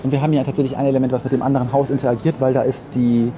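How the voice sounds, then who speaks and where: A man co-hosting a podcast walks through city streets, talking casually and very fast in a medium-pitched, level voice, opinionated and wordy and often rephrasing himself. Street ambience and passing vehicles come through clearly in the outdoor recording.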